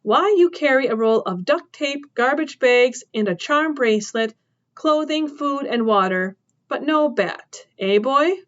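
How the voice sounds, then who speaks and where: A woman's voice: high-pitched, animated, a little slow, muffled recording, pitched above the performer's own voice. A woman voicing a tough, wary middle-aged farm woman with a faint sing-song accent, who questions sharply. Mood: interrogating.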